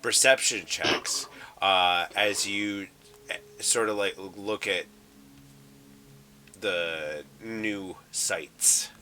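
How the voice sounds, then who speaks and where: A man narrating a tabletop game as game master, halting and full of fillers as he describes the scene. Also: sits low, steady tone, sharp tone. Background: faint background music.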